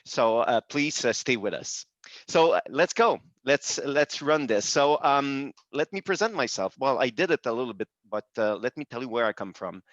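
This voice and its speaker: A webinar host from Quebec, Canada, speaks English in a mid-range, slightly bright and expressive voice coloured by his Quebec French accent. He keeps hesitating and starting sentences over in this second language. The recording is dull, dry video call audio without echo.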